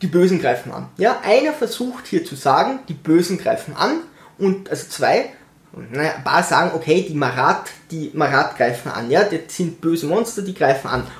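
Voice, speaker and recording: A book reviewer in a casual rant, mocking the characters with sarcastic asides and quick put-on voices. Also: mid-range voice, expressive, roomy sound.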